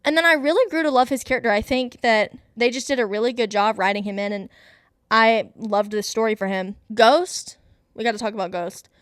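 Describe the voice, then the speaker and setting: A brisk, fairly bright, smooth female voice on the high side belongs to a woman hosting her own show. Chatty and full of fillers, she gives a gushing, fan-like movie review. The audio is dry and of studio quality.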